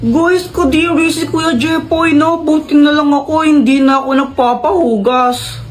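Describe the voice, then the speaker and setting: A performer in a comedic skit playing bickering kids, with quick, playful banter. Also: high voice, fairly even intonation, roomy sound, soft background music.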